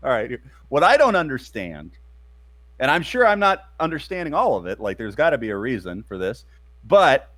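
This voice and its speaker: A man co-hosting a casual live stream, trailing off and restarting his sentences often. His voice is a touch high and swings widely in pitch, with a relaxed, offhand delivery. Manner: hesitant, rambling, many ums. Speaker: co-host.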